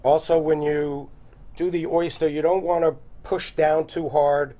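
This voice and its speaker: A middle-aged man, a restaurant chef, explaining a cooking demonstration step by step in a relaxed way with many fillers. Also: fairly high pitch, measured pace. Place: TV studio kitchen by a sizzling stove.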